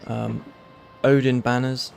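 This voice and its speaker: London guy chatting laid-back, gravelly and kinda flat, some music behind. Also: medium pitch, takes it slowly. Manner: reading out a list of mods, laid-back. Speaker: streamer. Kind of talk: casual gaming chat.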